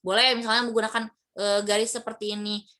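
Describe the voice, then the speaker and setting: A woman's voice: a little high, flat delivery, fast, sharp tone. A woman teacher giving an online lesson to her class, explaining patiently with many fillers and rhetorical questions.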